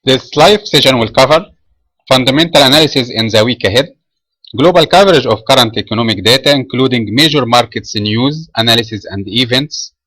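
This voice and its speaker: A man's voice: medium pitch, fairly bright tone, dry recording, poor audio. Egyptian-raised man reading market commentary. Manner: reads from a script, measured with filler pauses. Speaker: market commentator and trading trainer. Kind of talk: read market commentary webinar.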